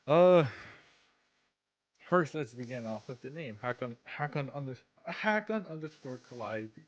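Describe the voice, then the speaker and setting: A man with a slushy lisp and slightly slurred words, talking casually and haltingly as he introduces himself in a vlog, often repeating phrases. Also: mid-range voice, expressive, highs cut off. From Canada. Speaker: content creator and streamer.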